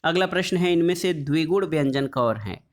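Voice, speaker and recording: A man teaching an exam-prep lesson on Hindi phonetics, reading quiz questions and then explaining the answers, drawing out letter sounds slowly as he lists them. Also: fairly high pitch, expressive. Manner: draws out sounds slowly when listing letters; calls the audience "friends".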